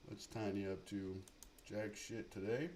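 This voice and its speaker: A man's voice: lowish voice, steady tone, a little slow, darkish tone, slight background noise. A man giving profane, mumbling running commentary on his live trading stream. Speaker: livestream day trader.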